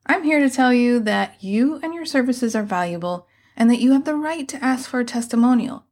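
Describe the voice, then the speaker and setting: A woman's voice: fairly high pitch, expressive, brisk, darkish tone. A woman hosting a scripted solo advice podcast in an upbeat, tidy vlogger manner, with playful, casual phrasing. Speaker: podcast host and mentor for virtual assistants.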